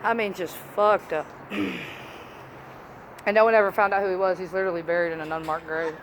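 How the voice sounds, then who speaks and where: A woman's voice: lowish voice, steady tone, brisk. A woman chatting casually and bluntly during a ghost hunt, in informal, sweary speech, on a noisy on-location phone recording. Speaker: amateur paranormal investigator. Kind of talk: casual ghost-hunting chat. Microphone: phone camera.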